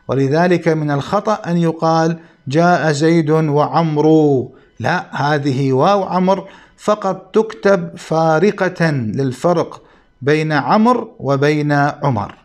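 A man with a somewhat raised voice teaches a grammar class. He sets up each point with a rhetorical question, then answers it patiently, lingering on key rules. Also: on the high side. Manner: asks rhetorical questions and answers them himself; slows down to stress key points. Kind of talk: classroom lesson explaining Arabic grammar.

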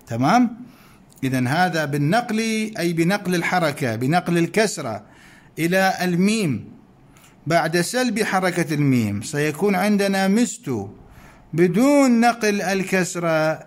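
A man teaching a grammar lesson, explaining slowly, repeating each point and putting questions to his students. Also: high voice. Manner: slow, repeats points, asks questions of listeners.

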